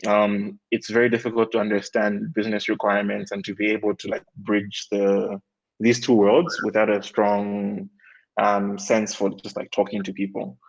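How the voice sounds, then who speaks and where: A man's voice: on the low side, moderate pace, gravelly, highs cut off. A young man from Malawi, a tech guest speaking casually in an interview with lots of fillers. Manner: relaxed, many fillers like "like" and "um".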